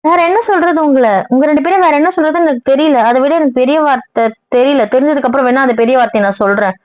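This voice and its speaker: A woman's voice: high voice, racing, a little mellow, no room sound, natural voice. A woman voicing an indignant young wife who argues and scolds, in an amateur audio drama with a dull, dry recording. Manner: scolding, argumentative.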